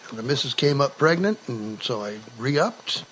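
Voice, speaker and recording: A man's voice: medium pitch, animated, a little slow, a bit bright. Rambling older man hosting a chat. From United States. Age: 70s. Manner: rambling, hesitant with many fillers, laughs often. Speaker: host. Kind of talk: casual live stream chat. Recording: dull lo-fi live stream audio with faint noise.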